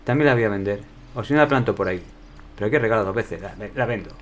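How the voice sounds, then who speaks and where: A gameplay commentator with a Spain Spanish accent and a low-ish, expressive voice talks quickly while playing a video game. He chats casually to himself and his viewers, with slight background noise in the recording.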